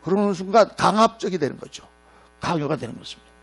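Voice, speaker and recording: High-pitched gravelly pastor preaching. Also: male voice, fast. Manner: storytelling with acted-out quotes, animated. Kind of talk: sermon. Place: church sanctuary. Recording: mains hum.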